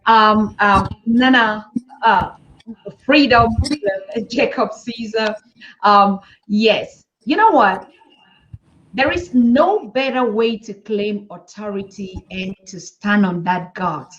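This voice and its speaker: A woman's voice: mid-range voice, slow pace, fairly bright tone, lo-fi sound, slight background noise. A woman hosting a live online interview, asking questions in an effusive, supportive way. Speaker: host.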